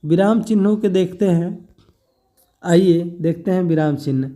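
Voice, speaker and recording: A man's voice: sits high, measured pace, warm tone. A man teaching a grammar lesson for exam preparation, explaining step by step and answering his own questions.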